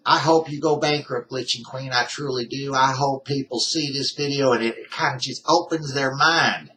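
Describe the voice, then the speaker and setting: A man's voice: mid-range voice, moderate pace, pushed and bright, rough recording. A man ranting to his camera in a heated, indignant, folksy way. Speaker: YouTuber. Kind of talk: ranting vlog.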